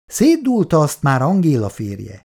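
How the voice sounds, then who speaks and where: A reader voicing Icu, a lively and outspoken young woman in a storybook reading. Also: low-pitched, vocal fry, exaggerated voice. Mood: urging.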